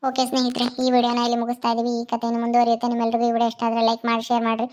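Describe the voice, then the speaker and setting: A woman host wraps up her story video with a quick, polite sign-off and a request to like, share and subscribe. Her voice is lower here than in her character voices. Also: completely flat delivery, darkish tone. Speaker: channel host. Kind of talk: scripted video outro.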